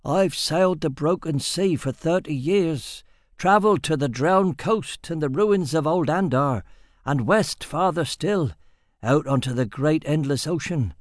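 A man voicing a superstitious old male sailor who tells dark tales in a hushed, foreboding way. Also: a little high, a little slow, no echo, clean studio sound, pitched above the performer's own voice, natural voice. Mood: ominous. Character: old male sea dog, superstitious and ominous.

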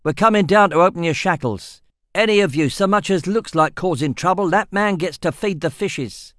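Man voicing a gruff first mate, barking orders, loud, threatening. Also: sits high, normal speed, no echo, clean studio sound, voice pushed up.

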